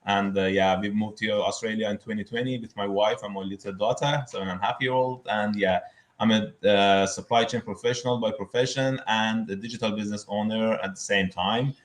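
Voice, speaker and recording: A man in his thirties hosting a live online interview, speaking haltingly with many fillers. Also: fairly low pitch, steady tone, poor audio. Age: 30s. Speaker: host.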